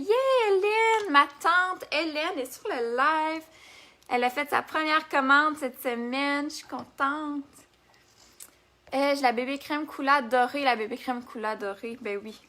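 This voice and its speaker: A woman's voice: high voice, pushed and bright. A young woman with a Québécois accent hosting a casual makeup live stream, chatting and answering viewer comments as she works. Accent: Québécois French.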